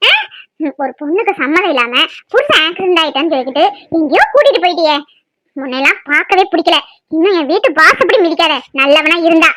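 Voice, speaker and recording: A woman's voice: extremely high pitch, expressive, fast, sharp tone, no echo, heavily acted. A woman voicing a frightened young wife in a cartoon, pleading and scolding by turns. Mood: angry. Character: frightened young wife, tearful and sharp-tongued. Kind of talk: cartoon voice acting.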